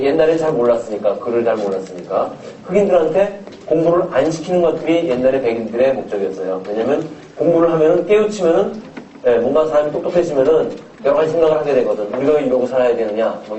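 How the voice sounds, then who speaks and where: A man's voice: mid-range voice, dark tone, a little hiss or hum. A man conducting a choir rehearsal, explaining casually and counting the singers in. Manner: explains casually, counts in and sings demonstration phrases. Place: rehearsal room. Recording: echoey room from far off, dull sound.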